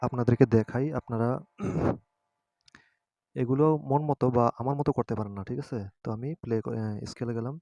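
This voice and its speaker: With a medium-pitched, steady, dark voice captured in a dry recording, a man hosts a casual app tutorial step by step. He talks hesitantly and haltingly, often checking that listeners are following and seeking their agreement.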